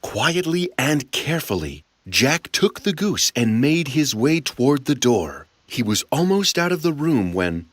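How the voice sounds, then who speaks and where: A storyteller reading a fairy tale aloud with dramatic pauses. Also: medium pitch, sing-song, no echo.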